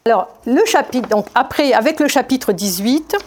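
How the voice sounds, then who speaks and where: A woman giving a Bible study talk, reading verses and explaining them in a spontaneous, halting way with many fillers and restarts. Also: fairly high pitch, expressive. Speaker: Bible teacher.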